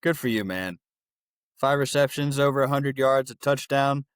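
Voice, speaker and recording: A man's voice: mid-range voice, normal speed, smooth, no echo. A man co-hosting a casual sports podcast, making dry, wry asides. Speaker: podcast co-host.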